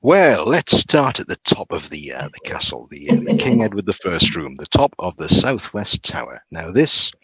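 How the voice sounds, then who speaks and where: A man speaking as a castle guide in casual storytelling, halting and repeating words with lots of ums. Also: deep voice, sing-song, fairly bright tone, slightly rough, dry recording. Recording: muffled lo-fi sound.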